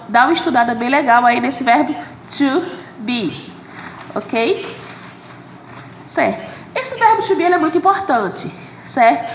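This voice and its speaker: A woman with a Brazilian Portuguese accent, an English teacher giving a recorded online lesson, who explains patiently and keeps checking with "ok?". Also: sits high. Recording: echoey room with faint background noise.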